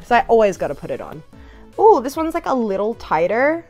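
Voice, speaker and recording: A young adult woman reviewing products chats to camera during an unboxing in her living room. Her voice is on the high side, darkish, and fairly quick, with a sing-song lilt, and soft music plays behind her. She comes across as playful and bubbly, tossing in sing-song asides.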